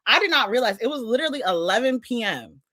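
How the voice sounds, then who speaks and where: A woman's voice: fairly high pitch, fast talker, dry recording. A woman in her twenties co-hosting a podcast, chatting casually and acting out dialogue as she tells stories. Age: 20s. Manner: animated storytelling, acts out dialogue. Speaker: podcast co-host. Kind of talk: casual chat.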